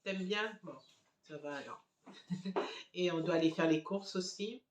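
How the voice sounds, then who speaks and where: Background noise sits under this low-pitched woman's measured speech. She's a middle-aged family vlogger holding her phone camera in an echoey room at home, chatting casually and rambling with many hesitant fillers.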